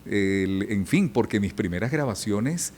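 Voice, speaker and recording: With a lowish voice and an unhurried delivery, this middle-aged man, a journalist who also works as a radio announcer, spins lively stories in a podcast-style interview, doing impressions of vintage radio announcers. There's a faint hiss or hum on the recording.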